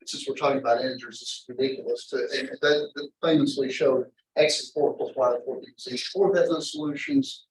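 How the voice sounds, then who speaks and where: A man giving an informal university math lecture in a rambling, halting way, often interrupting himself and drifting into asides. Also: mid-range voice, expressive. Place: indoor classroom. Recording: echoey lecture room, distant mic.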